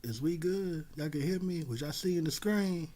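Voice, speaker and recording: A man's voice: a little high, moderate pace. Man, casual streamer. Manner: conversational, peppered with slang and shout-outs. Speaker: livestream host. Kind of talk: casual livestream chat, slangy.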